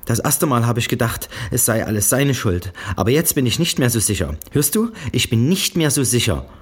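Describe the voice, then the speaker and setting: A man's voice: medium pitch, lively intonation, fairly quick, slightly rough, pitched above the performer's own voice. A man voicing a curt, domineering middle-aged mother who scolds her daughter over the phone, in a brusque, bossy manner. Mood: curt, scolding.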